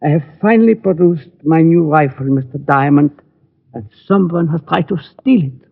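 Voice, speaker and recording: With a fairly high, creaky and husky voice, a man acts the role of a small, polite German immigrant gunmaker in his sixties seeking help, in a 1940s radio drama. He sounds earnest, and his halting, formal English carries a German accent and foreign phrasing, all on a tinny vintage recording.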